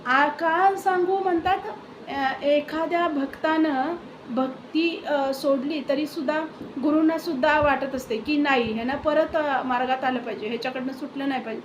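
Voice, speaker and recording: A woman casually retelling a devotee's spiritual experience, with hesitant pauses and fillers. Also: sits high, fairly even intonation. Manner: hesitant, many fillers and restarts. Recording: roomy echo with faint background hiss.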